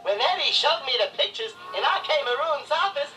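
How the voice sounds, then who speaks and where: A high, frantic cartoon rabbit telling a storybook tale. He jumps all over his range with theatrical, playful wordplay. The sound comes from some distance, with music clearly behind. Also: animated, brisk. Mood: storytelling. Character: manic, excitable male cartoon rabbit. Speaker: read-along narrator. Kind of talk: scripted storybook narration. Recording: distant record playback with music. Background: score music.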